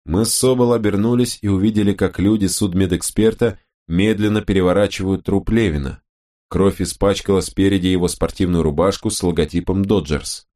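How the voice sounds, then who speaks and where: Deep low guy reading an audiobook, first person, steady and measured. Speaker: audiobook narrator. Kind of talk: first-person scripted narration.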